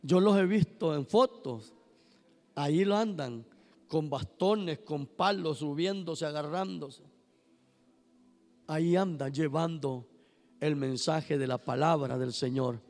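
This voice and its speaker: A man preaching a sermon with a high, bright voice and a gravelly edge. He swings between shouted exclamations and hushed, low storytelling, and his words ring out with a long hall reverb. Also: slow pace, long pauses. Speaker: pastor.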